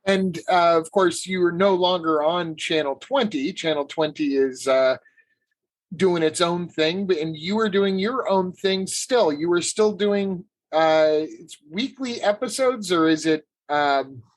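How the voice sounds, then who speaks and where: A man's voice: high voice, measured pace. Easygoing male podcast interviewer. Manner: easygoing, hesitant with fillers. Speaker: podcast co-host. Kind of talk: casual interview questions.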